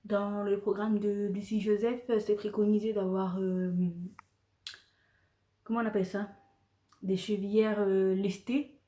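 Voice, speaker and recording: A woman's voice: mid-range voice, mellow. A young woman chatting casually to camera at home as a vlogger, laughing often and swearing lightly. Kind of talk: casual vlog chat to camera. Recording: roomy echoey home recording.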